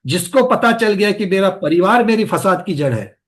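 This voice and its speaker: Leading a scripture study class, a man quizzes his students and uses rhetorical questions to explain the religious material interactively. He sounds high-pitched and animated, speaking at a moderate pace.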